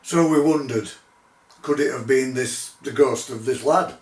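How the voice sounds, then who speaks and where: A middle-aged man telling his own paranormal investigation story in a measured, deliberate way, with pauses. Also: mid-range voice, a little mellow. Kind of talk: unscripted spoken storytelling. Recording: roomy echo, distant microphone.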